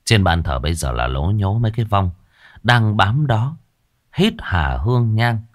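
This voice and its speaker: A man narrating a ghost story in a dramatic, expressive storytelling manner. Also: fairly low pitch, measured pace, no room sound, clean studio sound.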